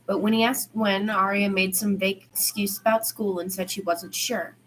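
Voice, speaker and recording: An amateur podfic reader reads fan fiction aloud informally, sometimes stumbling over words and correcting herself. Her voice is medium-pitched, a bit bright and fairly even, at a moderate pace, on a low-quality recording with a little hiss or hum.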